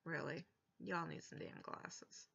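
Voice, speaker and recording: In a personal bedroom vlog, a young woman speaks slowly in a deep, creaky voice that is pushed and bright with a breathy edge, keeping her intonation fairly even. She is frank and exasperated, throwing in blunt asides, and the webcam at her desk gives dull, lo-fi sound.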